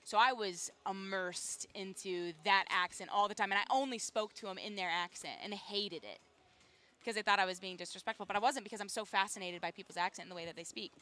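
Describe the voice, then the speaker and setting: Young woman sideline reporter, bright and lively, chatty, quick to laugh. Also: medium pitch. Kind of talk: casual chat. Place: arena courtside.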